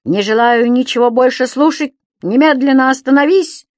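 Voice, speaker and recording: A woman's voice: medium pitch, very animated, a little slow, dry recording. A woman voicing a scheming, pompous middle-aged man who gives curt commands and puts on false politeness.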